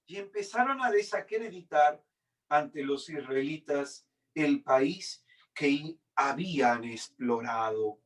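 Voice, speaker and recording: Man, preacher reading scripture, very slow and measured, fairly high voice, a bit distant from the mic. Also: lively intonation. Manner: deliberate dramatic reading with swings in loudness. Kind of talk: Bible reading in a sermon.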